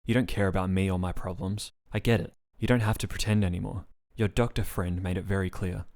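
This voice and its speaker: A man's voice: deep voice, steady tone, a little fast, darkish tone. A man reading the part of an angry, sarcastic young woman patient in a storybook reading. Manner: sarcastic, swearing tirade.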